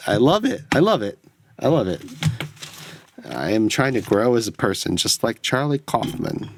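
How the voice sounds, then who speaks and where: On his solo film podcast, a low-voiced man rambles, swears and makes fun of himself while analysing a movie. He speaks into a close studio microphone, and the recording is dry.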